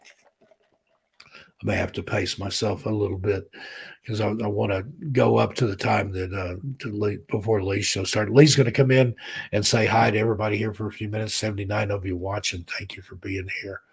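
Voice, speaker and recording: A livestream host chats with his viewers in a relaxed, rambling way, reading their comments aloud while his voice grows hoarse and gives out. He speaks at a moderate pace in a voice on the low side.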